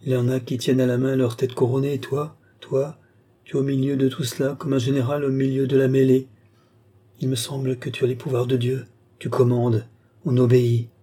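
Un homme qui lit un roman fait la voix d'une jeune femme en transe, tendre et triste, en parlant plus haut et plus doucement. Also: male voice, mid-range voice, monotone, a little fast, warm tone, breathy edge, close to an everyday voice. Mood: entranced. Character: young woman, tender, entranced and sorrowful.

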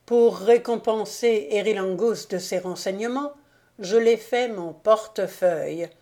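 A sly, mocking little hunchbacked devil from an old fairy tale, voiced by a woman reading aloud. He takes his time, letting the irony sit in each unhurried phrase. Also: medium pitch, warm tone, natural voice. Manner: sly, ironic.

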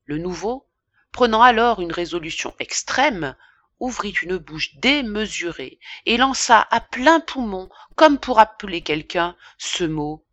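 A woman narrating a classic novel as an audiobook, in a measured, expressive reading. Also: medium pitch, no echo, highs cut off. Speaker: audiobook reader.

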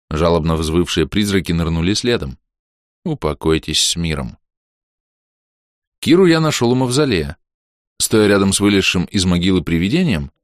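A man reading a first-person audiobook in a lively, ironic manner. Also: sits low, no echo, clean studio sound. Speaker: audiobook narrator.

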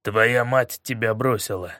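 A man's voice: mid-range voice, unhurried, sharp tone, dry recording, clean studio sound, voice pushed down. A man voicing a ruthless middle-aged crime-boss father who speaks in curt, unmoved commands. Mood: cold.

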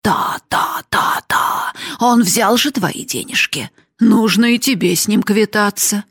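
A woman's voice: mid-range voice, takes it slowly, a bit bright, dry recording, clean studio sound. A woman voicing an old, miserly father who coaxes his daughter with sugary pet names, in an audiobook reading. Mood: wheedling. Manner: coaxing, syrupy endearments.

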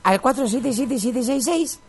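Someone doing a breathy, childlike little man with an Argentine accent. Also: sits high, animated, measured pace, exaggerated voice. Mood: chatty. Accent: Rioplatense Argentine. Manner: earnest, rambling, matter-of-fact about absurd claims. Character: naive childlike grown man, tiny, earnest and rambling. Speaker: comedy character guest. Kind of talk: improvised radio comedy sketch.

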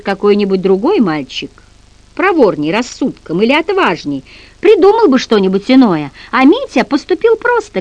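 Woman narrator, animated dramatic storybook reading, dry close mic. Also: fairly high pitch, dry recording, poor audio. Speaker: audiobook narrator.

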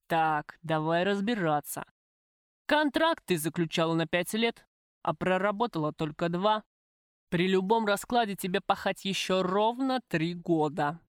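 A woman's voice: on the low side, dry recording, clean studio sound, lightly acted. A woman voicing a coarse, possessive middle-aged male crime boss in an audiobook, crude and wheedling, then threatening. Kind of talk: audiobook character voice.

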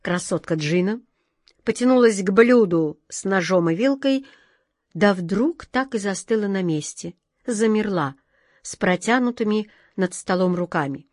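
Woman reading a kids' storybook, dramatic and lively, dry close sound. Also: medium pitch, a little slow, dry recording. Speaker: narrator.

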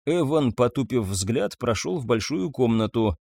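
Expressive male audiobook narrator. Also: mid-range voice, gravelly, dry recording, clean studio sound. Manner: measured, expressive reading. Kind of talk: scripted narration of a novel.

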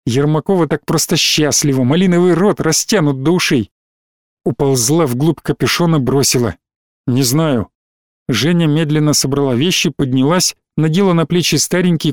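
Guy narrating a novel, measured, kinda high voice, dry booth sound. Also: no room sound. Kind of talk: scripted audiobook narration.

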